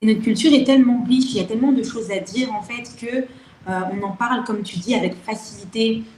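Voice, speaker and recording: A woman's voice: fairly high pitch, fairly quick, a little mellow. A woman hosting a podcast interview, speaking in an encouraging, affirming way. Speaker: podcast host. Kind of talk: interview conversation. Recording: roomy sound with faint noise.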